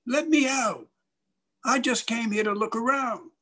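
Guy doing a cocky curious teen boy, a bit higher, casual. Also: animated, normal speed, sharp tone, breathy edge, exaggerated voice. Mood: pleading. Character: curious teenage schoolboy, casual and brash.

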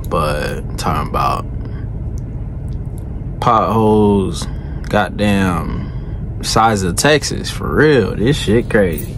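Fairly low in pitch, this man in his thirties is a truck driver doing a casual late-night vlog from his cab. The phone sits close at arm's length, there's slight background noise, and his easygoing slang is peppered with "you know what I'm saying."

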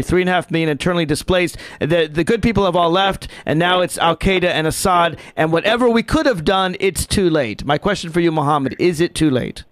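A man's voice: a little high, no room sound. A man in his forties hosting a talk radio show from a small studio, speaking earnestly and emphatically into a close microphone. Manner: earnest, emphatic, repeats words when starting. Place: small home studio by a window. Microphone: studio mic with headphones.

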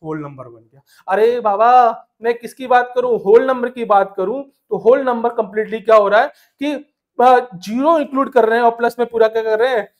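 A male math teacher walks students through an exam-prep lesson. He keeps asking rhetorical questions and answers each one himself. He addresses listeners fondly as "my dear" and counts numbers aloud in a steady rhythm. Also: extremely high pitch, moderate pace. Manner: calls listeners "my dear", mixes English terms into Hindi.

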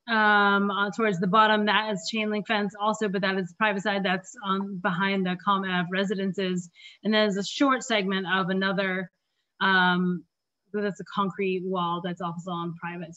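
A woman's voice: medium pitch, fairly bright tone. Woman losing her voice, presenting plans. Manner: halting, many fillers and throat clearing. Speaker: park planner presenting at a community meeting. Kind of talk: presentation over slides. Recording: dull lo-fi meeting audio.

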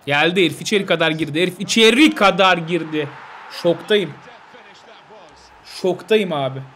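A young man commentating his own football video game, talking to his players like a coach and shouting when goals go in. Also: high voice, normal speed. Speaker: gaming video host.

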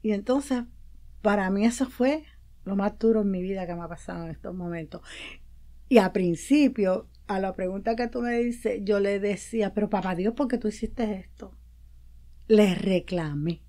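Mellow-voiced woman telling a personal story. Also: medium pitch, normal speed. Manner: emotional storytelling, acts out quoted dialogue. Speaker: guest, promoter and publicist. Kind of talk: casual interview talk. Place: radio studio.

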